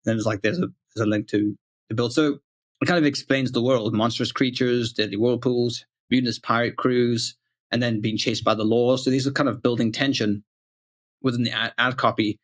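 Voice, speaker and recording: A man co-hosting a casual podcast who walks through examples in an easygoing, explanatory way. He drops in the odd filler as he talks. His pitch sits in the ordinary middle range for a man. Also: fairly even intonation, fairly quick. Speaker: podcast co-host.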